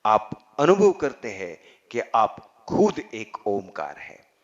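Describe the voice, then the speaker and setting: A man teaching how to chant, speaking deliberately and drawing out chanted syllables. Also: fairly low pitch, big pitch swings. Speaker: yoga teacher. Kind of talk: spiritual instruction on chanting. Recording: slightly dull, lo-fi recording.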